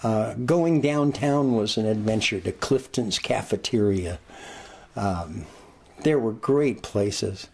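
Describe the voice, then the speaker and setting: A man's voice: lowish voice, slow, vocal fry, husky. A man in his sixties from California, fondly telling stories of his childhood in a documentary interview. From Glendale, California. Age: 60s.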